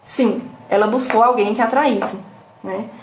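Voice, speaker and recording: A woman's voice: on the high side, unhurried. Brazilian woman coach in an echoey room. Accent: Brazilian Portuguese. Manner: rhetorical questions with frequent tag questions; explanatory, repetitive teaching tone. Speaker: emotional intelligence coach. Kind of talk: live talk to an audience. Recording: roomy echo.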